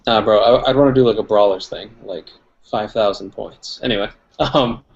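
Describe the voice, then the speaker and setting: A man's voice: fairly low pitch, fairly even intonation, moderate pace. A young man co-hosting a casual chat, talking in a loose, rambling way with many fillers. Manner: rambling, filler-heavy, laughing. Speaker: co-host. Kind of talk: casual chat about tabletop wargaming. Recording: dull lo-fi recording.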